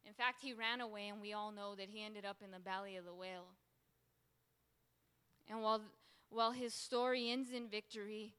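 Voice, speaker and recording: Bright-voiced woman preaching in a hall. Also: medium pitch, clear, resonant tone. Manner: emphatic, repeats key phrases. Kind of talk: sermon. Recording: long hall reverb.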